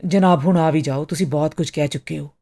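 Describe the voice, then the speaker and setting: A woman's voice: low-pitched, fast, dark tone. A woman voicing a polite, flustered young male clerk who explains with hesitant, stumbling speech. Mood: apologetic.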